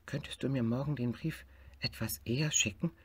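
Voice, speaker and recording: A man voicing an eager, excitable little male tiger in a storybook reading, with a raised, slightly husky voice. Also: mid-range voice, moderate pace, voice pushed up, lightly acted. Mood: tender.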